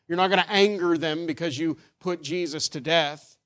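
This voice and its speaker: Emphatic preaching man, slightly high voice. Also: normal speed, a bit bright. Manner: emphatic, building rhetorical questions. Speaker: pastor. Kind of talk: sermon.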